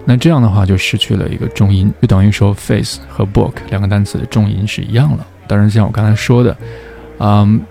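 A man teaching English pronunciation, patiently explaining each point step by step and sounding words out slowly. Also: on the low side, fairly even intonation, gravelly, mellow, faint music behind. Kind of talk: explanatory lesson.

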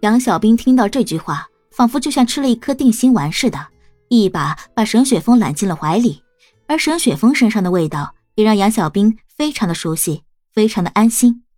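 Calm woman reading a storybook. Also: mid-range voice, a little fast, no echo, clean studio sound, faint music behind. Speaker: audiobook narrator. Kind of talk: storybook narration.

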